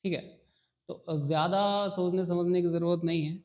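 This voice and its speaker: Man teaching a slow, repetitive phonics lesson. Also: high voice, steady tone, lo-fi sound. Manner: repeats key phrases, checks in often.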